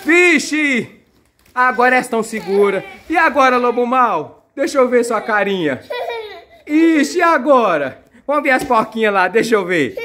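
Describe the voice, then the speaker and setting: A woman's voice: fairly high pitch, a bit bright. A woman with a Brazilian Portuguese accent giving playful, exclamatory commentary as she films her children at play, teasing them and cheering them on.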